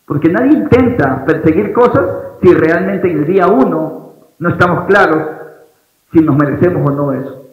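A young man from Ecuador with an Ecuadorian Spanish accent, giving an energetic motivational talk on a large auditorium stage and questioning the audience. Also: fairly high pitch, vocal fry. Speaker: motivational speaker. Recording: roomy hall sound, dull lo-fi audio.

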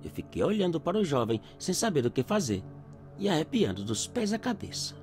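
A man's voice: a little high, sing-song, fairly quick, a little mellow. A man narrating a first-person horror story in a dramatic, suspenseful way. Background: faint eerie background music.

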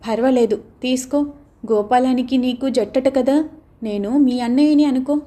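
A woman's voice: high-pitched, steady tone, normal speed, natural voice. A woman voicing a kind young man who reassures a crying boy in an audio novel. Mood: kindly. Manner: gentle, reassuring. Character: kind easygoing young man, elder brother type.

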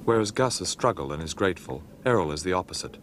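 A man with an Australian accent reading scripted documentary narration in a measured, dry way. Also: deep voice, lively intonation, a bit bright. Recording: noisy old documentary film audio.

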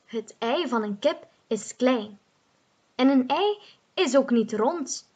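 A woman reading a children's story aloud, slowly, clearly and carefully. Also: high voice, animated, darkish tone.

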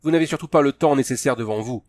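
A man's voice: medium pitch, fast, a little mellow, no room sound, pitched above the performer's own voice, natural voice. A man reading the lines of a principled male army colonel in an audiobook, with firm, earnest delivery. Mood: urgent.

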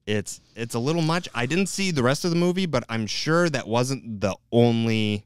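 Podcast co-host, young man, teasing and wry, lively pitch, dry close mic. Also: normal speed, clear, resonant tone, dry recording. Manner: wry, teasing, laughs easily. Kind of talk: casual banter.

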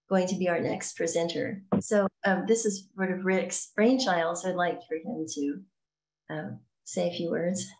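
Woman, webinar moderator, mid-pitched, echoey room sound. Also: darkish tone. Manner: friendly, loose, filler-heavy. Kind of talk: hosting a webinar. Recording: roomy call audio.

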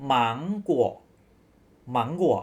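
A woman teaching a Chinese language lesson, saying phrases slowly and then fast, and pitching her voice up to model questions. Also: darkish tone.

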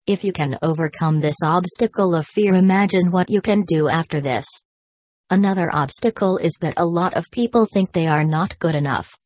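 A woman reading a scripted spiritual talk and guided meditation in a measured, instructional way. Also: low-pitched, darkish tone, dry recording.

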